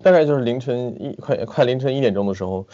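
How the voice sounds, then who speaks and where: A man's voice: mid-range voice, quick pace, dull audio. A man, a film director being interviewed, talking casually and animatedly over an internet call, often restarting his sentences. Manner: animated, with frequent restarts and hesitations. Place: at home in the city.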